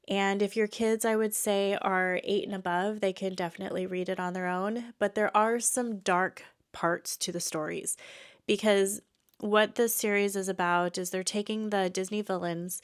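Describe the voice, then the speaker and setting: Chatting casually on her podcast, a Texan woman in her thirties restarts and uses fillers frequently, her allergies leaving her congested. She speaks in a clean-toned, mid-range voice.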